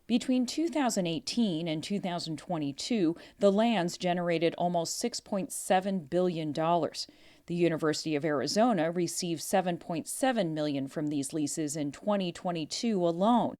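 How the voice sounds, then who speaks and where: A woman's voice: on the low side, normal speed, darkish tone, no room sound, clean studio sound. A woman reporter reading scripted narration for an investigative news exposé.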